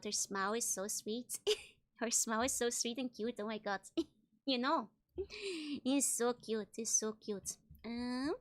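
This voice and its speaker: Bubbly and prone to giggling, this woman streams as a virtual YouTuber host, gushing through a casual chat with viewers. Her voice is high-pitched and bright.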